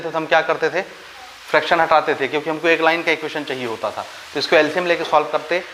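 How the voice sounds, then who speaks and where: A man's voice: on the high side, sharp tone, a little hiss or hum. A male maths teacher with a Chhattisgarh Hindi accent, explaining each step and asking the class questions that he then answers himself. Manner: mixes English maths terms into Hindi. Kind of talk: board-style maths lesson.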